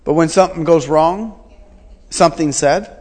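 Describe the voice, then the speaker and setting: A man in his forties gives an earnest sermon with a fairly high voice. He circles back on his points and keeps putting questions to the listeners. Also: normal speed, darkish tone. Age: 40s. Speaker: pastor.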